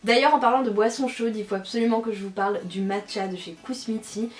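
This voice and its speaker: A woman's voice: a little high, steady tone, fast. Enthusiastic woman vlogger in a roomy space. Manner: enthusiastic, effusive. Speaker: lifestyle and beauty vlogger. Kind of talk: casual chatty favourites video. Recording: roomy echo, music behind. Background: music.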